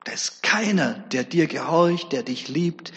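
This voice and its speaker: A man's voice: fairly high pitch, lively intonation, a little slow, fairly bright tone, in a large hall, voice pushed up. A man preacher voicing a sneering male devil who mocks and taunts God. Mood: mocking. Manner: mocking, taunting.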